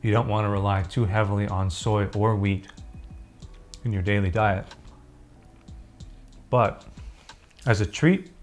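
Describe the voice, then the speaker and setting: Man, slightly low voice, easygoing food-review vlogger, talks while chewing. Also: unhurried, long pauses, faint music behind. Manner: relaxed, chatty, eats while talking. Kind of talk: casual food taste-test vlog.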